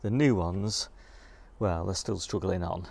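Walking outside, a middle-aged man narrates a casual, off-the-cuff garden tour for a vlog, musing in a low-pitched, darkish voice at a slightly slow pace. Outdoor background noise comes through clearly, and his delivery stays understated.

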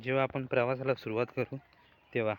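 A man's voice: medium pitch, little pitch movement, quick pace, background noise. A man, narrating a casual travel vlog recorded outdoors on a phone camera. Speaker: vlogger. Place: outdoors in a village.

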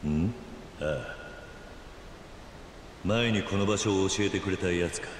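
In dramatic video game acting, a male actor voices a stern, resolute middle-aged yakuza veteran. His low voice moves at a measured pace through terse, grave, blunt phrases, with slight noise in the background.

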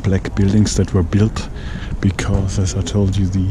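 A man leads a walking city tour, speaking very slowly in a fairly low voice. He points out the sights with many pauses as he strolls. The outdoor recording carries clear street and traffic noise behind him. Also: completely flat delivery. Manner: leisurely, pointing out sights, pausing often. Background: street ambience and passing traffic.

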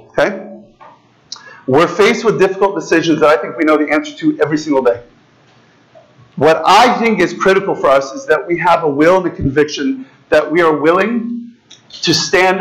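A priest in his thirties with a notably high voice preaches a sermon in a large church. He talks to the congregation as if chatting with friends, gesturing freely and often tossing in "right?" and "okay?" to keep them with him. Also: fairly bright tone, low-quality recording. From United States. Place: large ornate church, indoors, speaking to a seated congregation. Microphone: far camera, preacher standing at a lectern.

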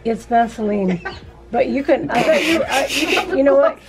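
Higher-voiced female dental nurse. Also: moderate pace, creaky. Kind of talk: casual patient aftercare instructions. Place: small clinic room. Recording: camera audio with music over it.

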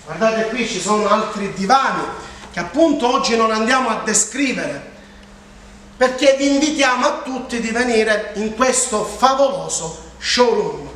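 Echoey high-voiced infomercial salesman. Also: expressive, unhurried, fairly bright tone. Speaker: TV furniture salesman presenting offers. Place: large indoor furniture showroom. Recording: echoey showroom, distant mic, faint noise.

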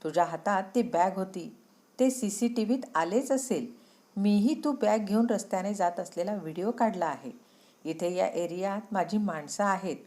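A woman's voice: mid-range voice, moderate pace, warm tone, lightly acted. A woman voicing a ruthless male villain in a storybook reading, speaking in a cold, threatening way. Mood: cold menacing. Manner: menacing, threatening.

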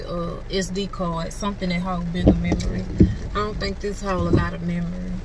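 Girl vlogging, talking to the camera from a bit far off, lots of noise behind. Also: medium pitch. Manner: chatty, talks straight to viewers. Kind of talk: casual vlog chat. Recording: far from the mic with loud background noise.

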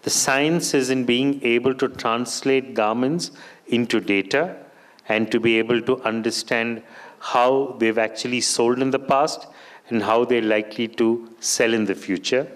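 A man's voice: mid-range voice, steady tone, unhurried. A man moderating a panel discussion at a business conference, asking long structured questions with "you know" fillers. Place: conference stage in a large hall.

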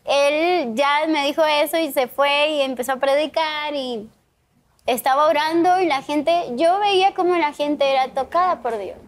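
High-voiced woman telling her testimony. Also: normal speed. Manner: earnest, emotional storytelling. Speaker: interview guest sharing her testimony. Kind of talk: personal faith testimony. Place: TV studio.

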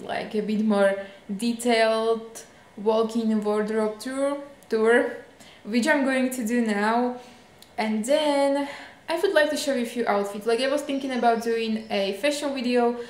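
A young woman with a Czech accent, chatting casually and giggling as she gives a tour of her flat's wardrobe. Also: on the high side. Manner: chatty, giggly, rambling with fillers. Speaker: fashion vlogger. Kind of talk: casual vlog chat. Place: hallway and walk-in wardrobe of her flat. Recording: echoey hallway.

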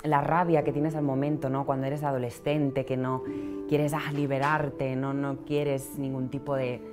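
Speaking at a measured pace in a bass, level voice over music, a pageant-winning guest in her 20s from Catalonia, Spain, reflects earnestly on interview questions. She sits on a small indoor TV studio set, wears a lapel mic, and repeats words when hunting for the right one.

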